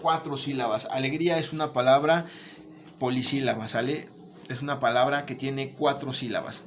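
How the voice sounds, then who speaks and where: Patient teacher, checking in often. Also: male voice, medium pitch, steady tone, normal speed, a bit bright, a little hiss or hum. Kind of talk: remote Spanish grammar lesson.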